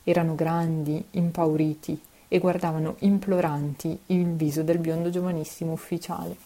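A woman reading a children's novel aloud with a low, mellow voice. She keeps a steady, expressive storytelling pace. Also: moderate pace. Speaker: narrator.

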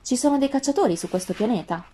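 A woman voicing a gentle, wise female fox with a calm, earnest tone in a storybook reading. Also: fairly high pitch, fast talker, slight background noise, pitched above the performer's own voice, lightly acted.

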